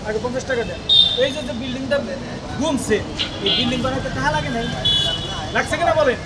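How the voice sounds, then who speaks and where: Man playing a pushy, high-voiced street swindler. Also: quick pace. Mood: bullying. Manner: bossy, insistent, threatening. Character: pushy, scheming street con man shaking down a newcomer. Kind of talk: comic short drama acting. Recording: very noisy outdoor street with traffic.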